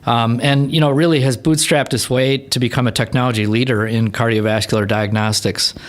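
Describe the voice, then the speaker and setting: Guy hosting a podcast, upbeat intro, some ums and uhs, middle pitch. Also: steady tone, fairly quick. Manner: enthusiastic, reads guest intro with fillers. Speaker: podcast host. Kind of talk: podcast interview.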